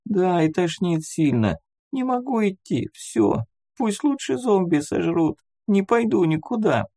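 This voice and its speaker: Small scared boy, whiny and spent, voiced up high by a male narrator. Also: big pitch swings, measured pace, dark tone, exaggerated voice. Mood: whimpering. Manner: whiny, pleading. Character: exhausted frightened young boy.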